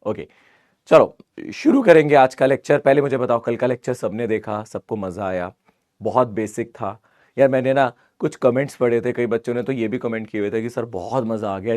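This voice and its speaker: Hoarse man teaching, dry close sound. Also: medium pitch, a little mellow, no room sound. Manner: chatty, repeats greetings, mixes English into Hindi. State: hoarse, sore throat from fever. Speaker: online physics teacher. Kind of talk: live online class, casual chat. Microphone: close mic, amplified.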